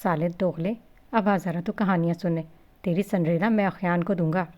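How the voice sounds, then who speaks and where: A woman's voice: on the low side, fairly even intonation, moderate pace, darkish tone, natural voice. A woman reading the part of a young husband who teases and grumbles, in a storybook reading. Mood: teasing. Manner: teasing, grumbling.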